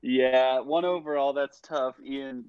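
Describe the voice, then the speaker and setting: A young man co-hosts the podcast, teasing his friends and bragging with easy confidence. His mid-pitched voice comes through dry and slightly muffled, with a lo-fi dullness to it. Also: steady tone, slow, a little mellow, clean tone, no room sound. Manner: teasing, boastful. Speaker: podcast co-host. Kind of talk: casual chat. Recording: dry, dull lo-fi sound.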